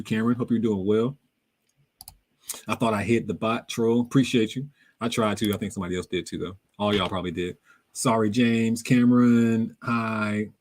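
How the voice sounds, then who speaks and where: A young man hosting a casual live Q&A, reading viewer comments aloud and answering them in a relaxed, slangy way, laughing often. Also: on the low side, husky. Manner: relaxed, conversational, drops words into everyday slang. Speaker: livestream host reading chat.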